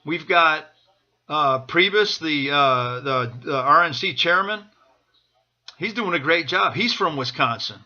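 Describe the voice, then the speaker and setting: Guy firing people up in an unscripted political pep talk, really sharp tense highish voice, kinda lo-fi sound. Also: animated, a little slow. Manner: urgent, exhorting, repeating phrases. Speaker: political supporter vlogger. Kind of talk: impassioned off-the-cuff political pep talk to camera.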